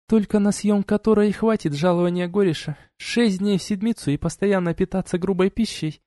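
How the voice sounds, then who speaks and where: A man reading an audiobook and voicing a cold, scornful noble duchess who lectures in a measured, sarcastic way. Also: sits high, warm tone, no room sound, clean studio sound, close to an everyday voice.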